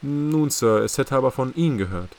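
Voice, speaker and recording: A man's voice: mid-range voice, expressive, normal speed, darkish tone, voice pushed up, lightly acted. A man voicing a wary male security chief who speaks formally and carefully.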